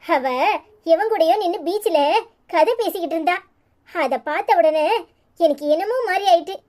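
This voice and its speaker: A woman's voice: very high voice, normal speed, a little mellow. A woman voicing a hot-tempered, anxious young wife in a cartoon, with a Tirunelveli Tamil accent and a scolding, fretful way of talking. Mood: worried.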